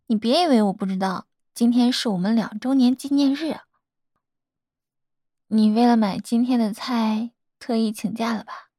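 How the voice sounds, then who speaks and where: A woman's voice: on the high side, moderate pace, dark tone, no room sound, studio quality. A young woman in a girlfriend role-play, talking tenderly, coaxing and teasing a partner.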